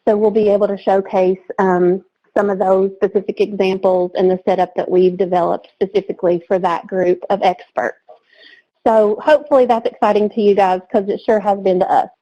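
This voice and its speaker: A woman presenting a training webinar in an energetic, chatty way, laughing easily. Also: medium pitch, fairly quick, lo-fi sound.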